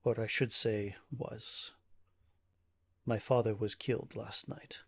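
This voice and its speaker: A tired, stressed young nobleman in a fantasy tabletop game, speaking in formal, halting, old-fashioned phrases, as a game master puts him on. The voice sits low and husky. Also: steady tone, heavily acted. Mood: grieving. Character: weary young nobleman, grieving son of a town leader.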